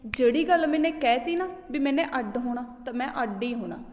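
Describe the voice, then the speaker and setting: A woman playing a sharp-tongued angry young wife. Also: high voice, expressive, fairly quick, echoey room, in a large hall. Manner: snapping, scolding, defiant. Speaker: daughter-in-law.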